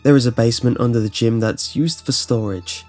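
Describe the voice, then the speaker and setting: Music plays beneath a man's scripted horror narration as he relates brief first-person anecdotes. His voice is medium-pitched, his pace fairly quick, and his tone darkish.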